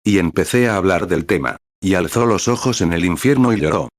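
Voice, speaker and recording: Man with a really deep voice reading a sermon story out loud, says the paragraph numbers, dry close sound. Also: brisk, no room sound. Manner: reads paragraph numbers aloud between passages. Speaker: sermon reader.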